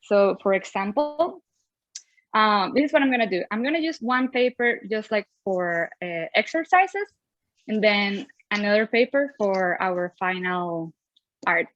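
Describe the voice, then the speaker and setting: Cheerful and quick to laugh, a young Venezuelan woman who speaks Spanish natively runs an online drawing class as an art teacher. Her mid-range voice is animated, unhurried and a bit bright. The audio sounds dull, with no room sound.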